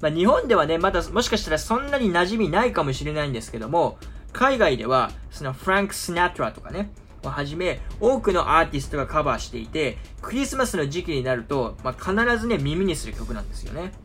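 A man's voice: a little high, sing-song, fairly bright tone, faint music behind. A man talking casually to viewers as a film commentator, chatty and full of easygoing asides. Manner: chatty, often drawn-out asides and filler words. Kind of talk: casual explanatory talk to viewers.

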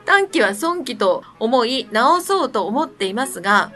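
A woman hosting a chatty radio programme, her voice sitting a little high. She giggles often and answers her co-host with soft, agreeable murmurs, with gentle music under her. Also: sing-song, measured pace. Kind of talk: casual radio chat, reading listener letters.

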